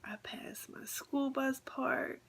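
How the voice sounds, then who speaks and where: A young woman vlogger telling a story casually to the camera, chatty and excited, with many fillers and repeats, often half-whispering. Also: sits high, slow, creaky.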